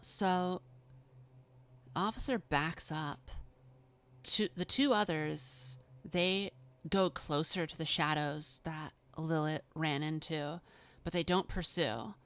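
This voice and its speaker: A woman narrating as game master of a tabletop role-playing game, slow and hesitant with many fillers. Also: deep voice, clean tone.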